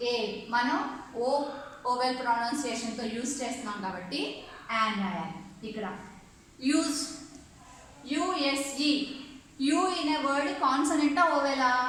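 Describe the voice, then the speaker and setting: A woman's voice: high voice, fairly bright tone. A woman teaching an English lesson online, explaining step by step and often checking whether students follow. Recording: echoey room, faint ambient noise.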